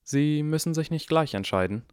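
A man's voice: on the low side, animated, normal speed, a little mellow, no room sound, studio quality, lightly acted. A man voicing a clever eleven-year-old boy who talks in a cold, icy and precise way in an audiobook. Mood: calm warning.

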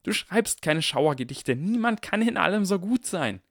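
A man's voice: sits high, very animated, moderate pace, dry recording, studio quality, voice pushed up, full character voice. A man voicing a clever boy general, frustrated and strained, in a storybook reading.

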